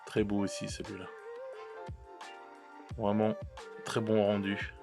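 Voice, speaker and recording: A man's voice: on the low side, completely flat delivery, slow, vocal fry, music in the background. A man casually reviewing paint colors, chatty and hesitant, with many fillers and restarts and self-mocking laughs at his own mistakes. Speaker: miniature painting youtuber.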